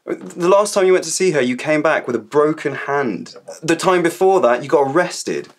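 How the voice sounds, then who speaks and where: A man's voice: on the high side, lively intonation, normal speed. An actor playing an exasperated, sarcastic young man in a sitcom. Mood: warning. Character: Tony, exasperated young man, Darren's best mate. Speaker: supporting character in comedy series. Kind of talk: sitcom acting.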